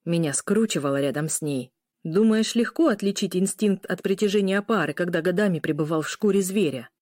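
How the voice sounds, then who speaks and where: A woman's voice: a little fast, darkish tone, no room sound, studio quality, lightly acted. A woman doing a brooding male werewolf. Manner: low, brooding, insistent.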